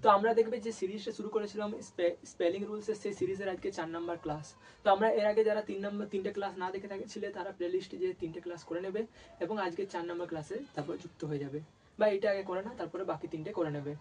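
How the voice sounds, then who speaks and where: A man's voice: high-pitched, fairly even intonation, racing, darkish tone, far from the mic, poor audio. A man from West Bengal teaching a language lesson. He asks questions and answers them himself, and repeats each word he teaches. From West Bengal, India. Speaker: English teacher.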